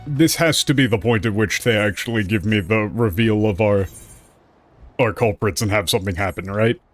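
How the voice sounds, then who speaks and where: A man's voice: fairly low pitch, moderate pace, faint music behind. A man streaming a video game, chatting casually and loosely paraphrasing the characters' lines as he plays. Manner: chatty, thinking aloud, loosely paraphrasing dialogue. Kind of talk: casual let's-play commentary.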